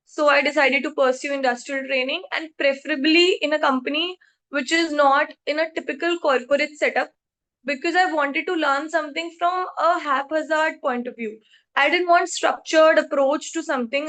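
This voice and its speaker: A woman's voice: high voice, fairly bright tone. A woman in her twenties with an Indian accent, answering interview questions about her career in an articulate, self-assured way. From Jaipur, India. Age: 20s. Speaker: podcast guest, accountancy trainee.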